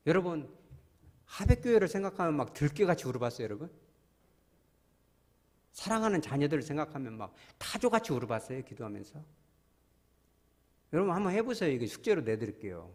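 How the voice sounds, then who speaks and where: A man's voice: on the high side, very animated, fairly quick, pauses often. A man preaching a sermon as a pastor. He talks with emphasis, keeps asking the congregation questions, and his throat sounds strained after an illness. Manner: emphatic, asks congregation questions, sudden loud cries. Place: church sanctuary. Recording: long hall reverb.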